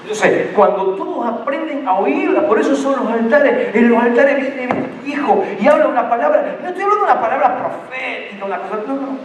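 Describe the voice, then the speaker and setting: A man's voice: extremely high pitch, expressive, a little fast, few pauses, lo-fi sound, a little hiss or hum. A middle-aged man, preaching a sermon as pastor, earnest and full of repeated words and restarts. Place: church sanctuary. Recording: echoey church hall, distant mic.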